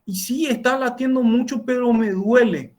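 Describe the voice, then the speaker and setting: A man's voice: very high voice, moderate pace, darkish tone, pitched above the performer's own voice. A man putting on the voice of a distressed, tearful woman patient who pleads and repeats her complaint of pain. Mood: pained pleading.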